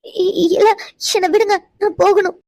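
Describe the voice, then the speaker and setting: A woman's voice: very high voice, little pitch movement, moderate pace, a little mellow, no echo, studio quality. A woman voicing a shy, frightened young woman in a cartoon, who stammers and pleads. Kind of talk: cartoon voice acting.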